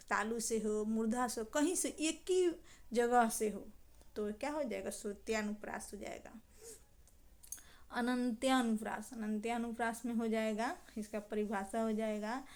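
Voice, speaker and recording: Woman teacher, fairly high voice, patient explainer who quizzes and answers herself. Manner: explanatory, asks and answers own questions; slow, measured recitation of verse examples. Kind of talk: Hindi grammar lesson.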